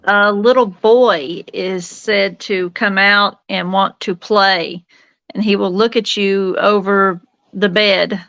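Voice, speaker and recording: Slow-talking woman co-host. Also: mid-range voice, fairly even intonation, fairly bright tone, dry recording, lo-fi sound. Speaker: paranormal podcast co-host. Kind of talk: casual chat. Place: home bedroom.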